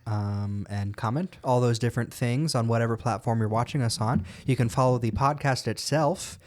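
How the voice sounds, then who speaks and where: A man's voice: medium pitch, normal speed, darkish tone. A young man co-hosting a podcast in casual, playful chat, often stumbling and restarting. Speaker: podcast co-host.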